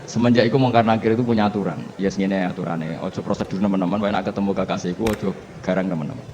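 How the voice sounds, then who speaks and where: Low-voiced Javanese cleric telling stories. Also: male voice, fast, a little mellow. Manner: storytelling, chuckling, mixing in local words. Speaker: Islamic cleric. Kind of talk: humorous religious lecture. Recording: dull lo-fi recording with faint hiss.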